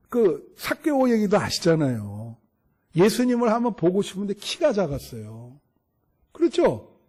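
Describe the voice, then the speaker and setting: A middle-aged male pastor preaching a sermon, asking the congregation questions, acting out the people in the story and dropping to hushed prayers. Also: high voice. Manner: preaching with sharp swings from loud exclamations to hushed murmured prayers.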